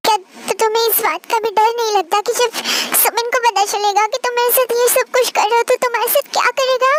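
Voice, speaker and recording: A woman's voice: very high-pitched, fairly even intonation, fast talker, noisy background. A woman voicing a pleading young wife. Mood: defiant, pleading. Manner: pleading, defiant. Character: young woman, defiant frightened royal wife. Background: background music.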